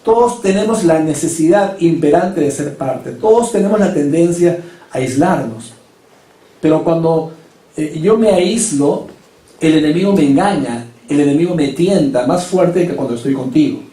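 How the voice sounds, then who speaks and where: A man preaches a sermon in a high, mellow voice. He drives each point home with emphatic rhetorical questions. The sound carries through an echoey church hall from a mic set some way off. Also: lively intonation, normal speed, distant mic. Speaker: pastor.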